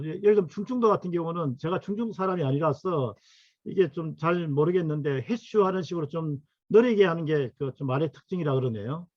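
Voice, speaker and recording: Halting middle-aged male history lecturer. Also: fairly high pitch, dry recording, dull audio. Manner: halting, full of fillers, asks for next slide. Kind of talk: academic lecture to workshop attendees.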